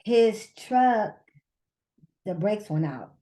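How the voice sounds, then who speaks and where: A woman's voice: mid-range voice, animated, very slow, dark tone, roomy sound. A woman giving a personal faith testimony as a guest, telling her story and acting out what people said. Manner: storytelling, re-enacts voices.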